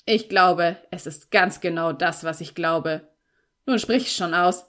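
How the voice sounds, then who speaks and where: A woman's voice: on the low side, takes it slowly, fairly bright tone. A woman voicing an arrogant young man who talks in a hard, mocking, clipped way in an audiobook reading. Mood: scornful. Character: arrogant, scornful young man, quick to anger.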